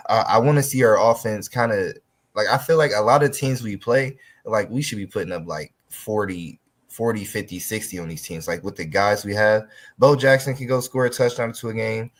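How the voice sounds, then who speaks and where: A man co-hosting a casual college football talk show, talking in a halting way with frequent restarts. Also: on the low side. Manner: halting, stumbles and restarts often. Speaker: sports podcast co-host.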